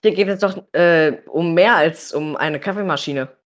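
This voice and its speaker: A calm male colleague who smooths over a quarrel with gentle teasing, as a woman reads him. Her voice is lowish for a woman and plainly read aloud. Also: moderate pace, natural voice. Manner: soothing, mildly teasing.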